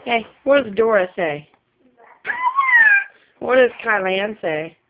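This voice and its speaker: A woman's voice: medium pitch, lively intonation, slow, heavy background noise. A mother filming at home, coaxing and playful as she talks to her small children. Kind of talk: casual home video talk. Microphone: camera's built-in mic. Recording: dull lo-fi home video.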